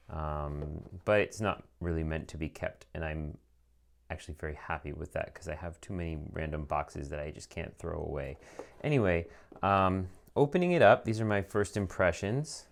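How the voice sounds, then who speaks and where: A man with a very low voice talks his way through an unboxing at an easy, chatty pace. He fills pauses with ums and throws in dry, sarcastic asides. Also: creaky. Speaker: pen reviewer. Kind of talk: casual unboxing review.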